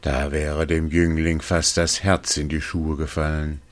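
A male storyteller reads a fairy tale aloud. His voice is very low and his pace unhurried and deliberate. He shapes the story with expressive delivery.

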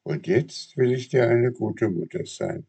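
A gentle, wise fairy who scolds with motherly care, from a storybook, as a man reading aloud plays her. The voice stays slow and dark, with a husky softness. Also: mid-range voice, animated, highs cut off, voice pushed up, heavily acted. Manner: gentle, admonishing.

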